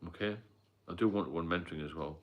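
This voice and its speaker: A man's voice: low-pitched, quick pace. A middle-aged British man with a British accent, hosting a rambling, casual live stream about staying sober, with frequent fillers and coughs. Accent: British English. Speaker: livestream host, sobriety mentor.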